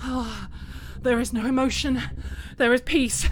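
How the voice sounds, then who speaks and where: Woman playing wounded female warrior-monk, audio role-play, high voice, slow halting delivery, breathy, defiant yet fearful. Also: steady tone, a little hiss or hum, close to an everyday voice. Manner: halting, stammering, pleading and protesting.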